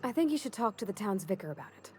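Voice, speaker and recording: A folksy working-class townswoman, played by a woman in video game dialogue. She talks in a homespun drawl with country turns of phrase, her pitch sitting in an ordinary middle range. A faint bed of music runs underneath. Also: big pitch swings, rapid-fire, darkish tone, natural voice. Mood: folksy, wistful. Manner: homespun drawl with rural grammar.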